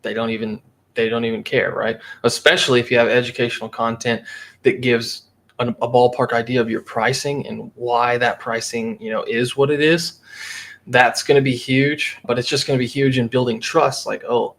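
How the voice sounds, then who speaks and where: A man talking casually as a guest on a podcast, lively and acting out what customers would say. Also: medium pitch, moderate pace. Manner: animated, acts out quoted customers. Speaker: marketing agency guest.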